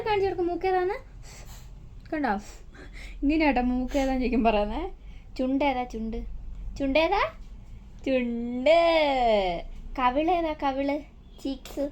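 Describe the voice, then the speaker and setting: High sing-song Malayali mother. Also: moderate pace, pauses often, darkish tone. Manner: sing-song baby talk, coaxing and teasing. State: toothache. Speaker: vlogger mother. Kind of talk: family vlog, talking to baby and viewers.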